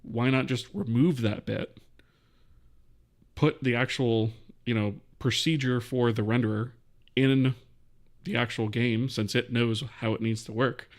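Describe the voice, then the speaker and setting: Gravelly-voiced man thinking aloud while coding. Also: medium pitch, steady tone, unhurried. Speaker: host of a live coding stream. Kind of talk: casual live-coding stream, thinking aloud.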